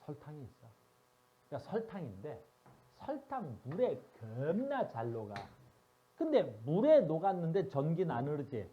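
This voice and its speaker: A man's voice: a little high, wildly swooping pitch, normal speed, dull audio, a little hiss or hum. A male science teacher giving a classroom lecture, teasing and constantly asking his students questions.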